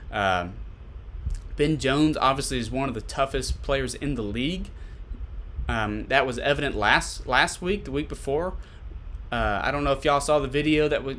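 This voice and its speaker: A man's voice: mid-range voice, a bit bright, slight background noise. A man giving casual solo sports commentary as a podcast host, conversational and repeating points for emphasis. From Tennessee, USA.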